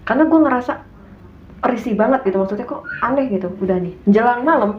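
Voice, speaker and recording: Fast-talking woman with Jakarta slang. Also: on the high side. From Indonesia. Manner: animated, acts out quotes in a raised voice. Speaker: guest. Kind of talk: casual storytelling. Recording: echoey room, dull sound, faint hum.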